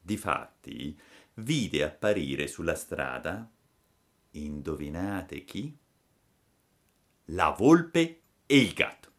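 A man reading a children's story aloud in an expressive way, now and then speaking to the listeners directly. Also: deep voice.

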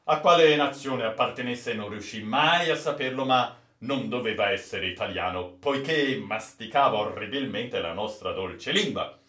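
A man narrates a classic adventure story aloud with measured storytelling delivery, his voice medium-pitched and a bit bright. The room is roomy and echoey.

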